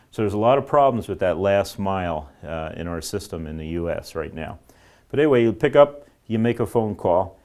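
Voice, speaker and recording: A man's voice: deep voice, darkish tone. A man giving an informal, rambling classroom lecture on telephone systems, with many fillers and restarts. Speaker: telecom instructor.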